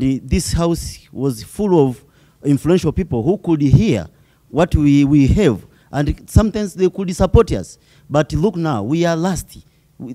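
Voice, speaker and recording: A man's voice: on the high side, warm tone, no room sound. A man with a Tanzanian accent gives a semi-formal presentation as a youth delegate, hesitating and repeating words as he goes.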